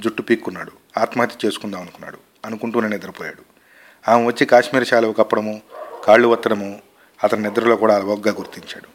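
A man reading a short story aloud in a measured, expressive storytelling manner. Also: fairly low pitch.

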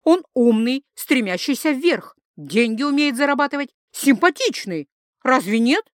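A woman's voice: high-pitched, sing-song, measured pace, dry recording, clean studio sound, pitched above the performer's own voice. A woman reading an audiobook, voicing a pushy, quarrelsome young wife in a raised, insistent voice.

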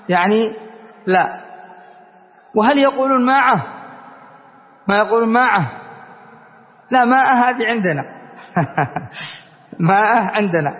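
A man from Yemen gives a classical grammar lesson in a high, light voice. He explains patiently and keeps checking that his students are following. The recording is dull and lo-fi, with long reverb from the hall. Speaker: Islamic scholar teaching grammar.

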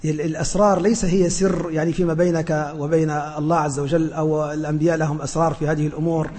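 A man teaching as a sheikh, answering students' questions in an earnest, humble way with frequent hesitant pauses. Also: a little high, level tone, a little mellow, in a large hall. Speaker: sheikh teaching a religious lesson.

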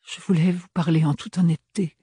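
A man reading an audiobook, voicing a frightened young woman who speaks softly and hesitantly. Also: a little high, fairly even intonation, a little fast, breathy edge, dry recording, clean studio sound, pitched above the performer's own voice. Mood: hushed, anxious. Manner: soft, hushed, hesitant.

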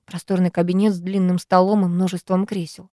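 A woman reading a first-person novel aloud, expressive and measured. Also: lowish voice, no room sound, studio quality. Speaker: audiobook reader.

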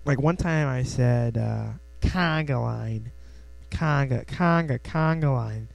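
A young man from the Midwest hosts a casual solo podcast from a room at home, rambling, poking fun at himself, and restarting sentences. His medium-pitched voice is slow and gravelly, recorded on a close desk mic with no echo and faint music behind.

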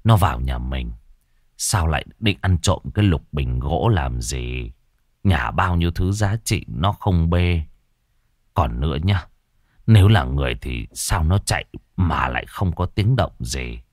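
A man voicing a superstitious older man near sixty, speaking low and hushed as he insists he saw a ghost. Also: expressive, measured pace, no room sound, studio quality, heavily acted. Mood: hushed, insistent.

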